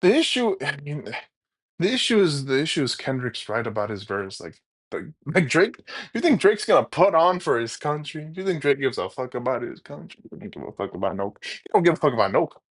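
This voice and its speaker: A man hosting a reaction video, rambling with halting restarts and blunt opinions. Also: a little high, sing-song, husky. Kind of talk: casual reaction commentary.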